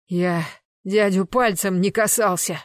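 A reader voicing a frightened young man in his twenties, hoarse and choking as he pleads. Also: high-pitched, takes it slowly, no echo, studio quality, heavily acted. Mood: shaken.

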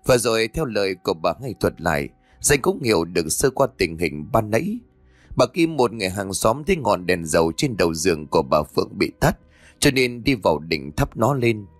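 A man narrating a ghost story with expressive, rising and falling delivery. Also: fairly low pitch, normal speed, dry recording. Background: faint background music.

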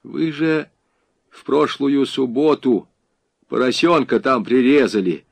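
A man's voice: medium pitch, lively intonation, slow pace, gravelly, pitched above the performer's own voice, heavily acted. A man voicing an aging stoker, frightened and fawning, pleading with soldiers in an audiobook.

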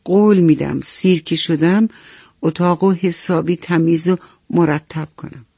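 A woman's voice: on the low side, fairly even intonation, dark tone, husky, no echo, clean studio sound. A woman voicing a small, upset little boy who pleads sheepishly in a bedtime story. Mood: pleading. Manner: pleading, childlike.

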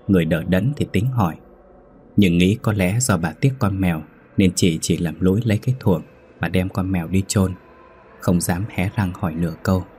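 A man narrating a ghost story in a steady, brisk storytelling manner. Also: low voice, a little hiss or hum. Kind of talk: scripted horror story narration.

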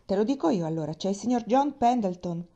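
A woman voicing Nancy, an excited young housemaid full of gossip, in a storybook reading. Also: mid-range voice, fairly quick, lo-fi sound. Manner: excited, breathless, insistent.

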